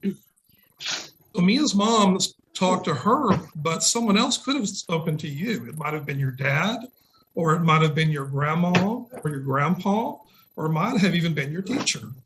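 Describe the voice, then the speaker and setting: A fairly bright, animated male voice on the high side, moving a little slowly: a middle-aged nurse reading a picture book aloud to young children indoors on a video call. He asks them easy questions along the way, and the connection is noisy with clicks.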